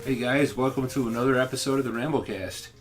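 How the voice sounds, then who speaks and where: A man's voice: mid-range voice, quick pace, faint music behind. A man co-hosting a casual home podcast, rambling with many fillers and restarts. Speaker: podcast co-host. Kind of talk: casual chat.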